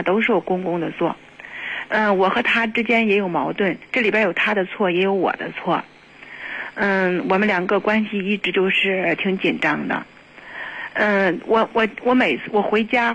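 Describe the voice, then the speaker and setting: Upset woman on a call-in show, kinda husky, keeps restarting, dull phone sound. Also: medium pitch, a bit bright. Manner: halting and upset, with many restarts. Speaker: caller to an advice show.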